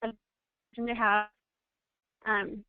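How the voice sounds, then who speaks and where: A woman giving a webinar talk as a parent, her phone audio crackling and cutting out, speaking haltingly with many fillers. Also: fairly high pitch, little pitch movement, clean tone, no room sound. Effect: phone audio breaking up, crackling. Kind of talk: webinar presentation. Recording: tinny dry phone line.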